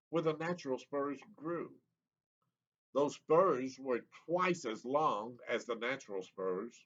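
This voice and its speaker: A man in his seventies reading his own childhood memoir aloud in an unhurried, reminiscing, plain-spoken way. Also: mid-range voice. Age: 70s. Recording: slightly muffled lo-fi recording.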